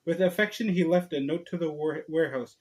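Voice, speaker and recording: Fairly quick and a little mellow, a man's slightly high voice carries this homemade video. He's chatting in a relaxed vlog manner and reading a storybook aloud, stumbling a bit along the way.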